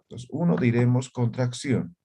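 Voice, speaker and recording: A man's voice: medium pitch, moderate pace, noisy background. A man teaching an online language class over a video call, who checks in often with short questions.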